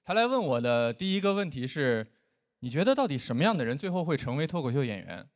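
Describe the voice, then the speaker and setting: A man in his thirties hosting a stand-up comedy show, talking in a playful, animated way into a stage microphone before a live audience. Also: a little high, quick pace.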